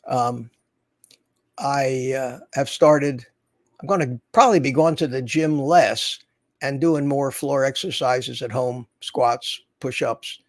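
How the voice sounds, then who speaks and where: Speaking slowly in a medium pitch, this livestream host is a man in his seventies chatting from his home in Florida. He rambles folksily, reads out viewer comments, and answers them. The recording is clean and studio-like, without echo.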